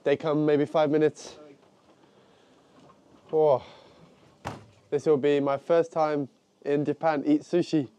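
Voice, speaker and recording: A man's voice: on the high side, flat delivery, takes it slowly, pauses often, mellow, a little hiss or hum. A man giving casual travel vlog commentary in short, informal remarks. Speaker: travel vlogger.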